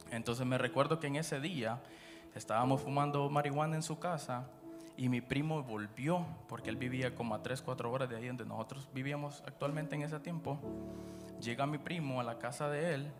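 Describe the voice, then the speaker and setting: A man's voice: medium pitch, fairly even intonation, a little fast. Guatemalan man telling his testimony over music. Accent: Guatemalan Spanish. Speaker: preacher giving his testimony. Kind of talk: personal testimony after prayer. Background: background music.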